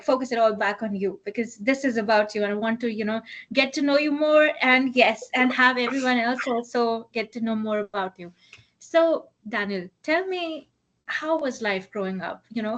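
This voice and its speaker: A woman hosting an interview, chatty and piling up several questions in a row. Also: a little high. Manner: chatty, stacks several questions in one turn. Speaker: interview host. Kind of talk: casual interview talk. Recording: slightly dull, muffled audio.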